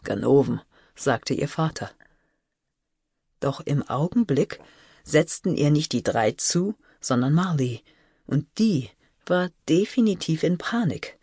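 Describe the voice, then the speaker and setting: Low-voiced, slow woman audiobook narrator. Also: lively intonation, a little mellow, breathy edge, dry recording, studio quality.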